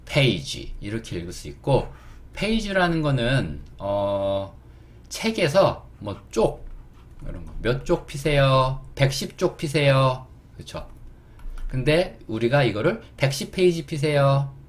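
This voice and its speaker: A man's voice: mid-range voice, big pitch swings. A man teaching beginners English words, patiently asking questions and answering them himself. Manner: spells words slowly letter by letter.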